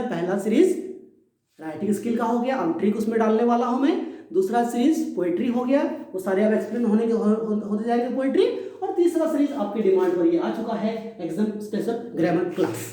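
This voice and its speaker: A man's voice: high-pitched, mellow. A man teaching a casual grammar lesson for board exams, chatty and friendly, calling his students brother and dropping playful rhymes. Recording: very echoey room.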